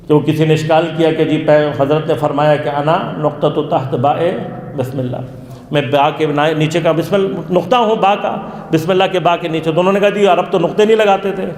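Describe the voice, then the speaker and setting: Male lecturer, high-pitched, interactive teaching style that poses questions and answers them; roomy hall sound. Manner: asks the audience questions and answers them himself. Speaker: religious lecturer. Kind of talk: interactive religious lesson. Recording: echoey hall.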